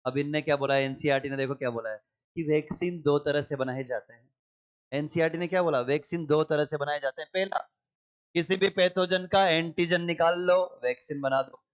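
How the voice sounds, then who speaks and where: Lively man teaching biology. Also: fairly high pitch, smooth. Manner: lively, teasing, acts out cells in skits. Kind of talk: classroom lecture.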